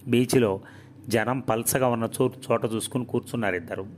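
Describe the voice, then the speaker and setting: A man narrating a novel aloud in a calm, even storytelling manner. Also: medium pitch, a little fast, slight background noise. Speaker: audiobook narrator.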